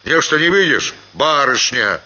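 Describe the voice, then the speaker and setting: A man voicing a gruff, distrustful old peasant carter who talks in a folksy way. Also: medium pitch, lively intonation, slow pace, sharp tone, highs cut off, pitched above the performer's own voice, exaggerated voice.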